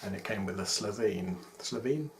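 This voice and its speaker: Filming at home in a small room, a gravelly-voiced toy collector in his forties talks casually to camera about his collectible figures in a low voice at a moderate pace. The camera mic, roughly arm's length away, captures an echoey space with faint noise.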